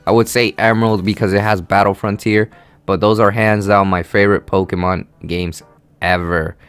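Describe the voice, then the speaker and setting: A man's voice: lowish voice, flat delivery, moderate pace, a bit bright, clear, resonant tone, no echo. An eighteen-year-old man from Honduras hosting a casual Q&A vlog, rambling with lots of fillers and an easygoing manner. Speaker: gaming channel host.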